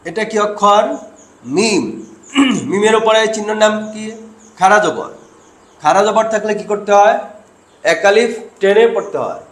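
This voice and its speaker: A man's voice: sits high, normal speed, long pauses, roomy sound, rough recording. A man teaching Quran recitation step by step, asking questions and answering them himself while he drills syllables.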